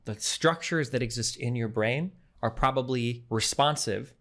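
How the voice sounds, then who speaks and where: A man's voice: medium pitch, measured pace, a bit bright. Sarcastic man hosting a casual debate. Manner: teasing, sarcastic, blunt. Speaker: streamer host.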